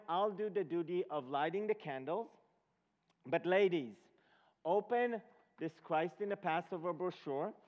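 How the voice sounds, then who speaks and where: A higher-voiced male preacher from Israel stands before an audience in a large reverberant room, guest-leading a Passover presentation. His ceremonial teaching comes out haltingly, with questions asked to check the listeners' grasp, and the recording is dull and lo-fi.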